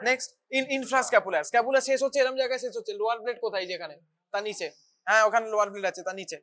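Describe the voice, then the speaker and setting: A clinical teacher giving a hands-on bedside demonstration, briskly instructing students step by step as they practise an examination. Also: mid-range voice, a bit bright. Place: hospital teaching ward.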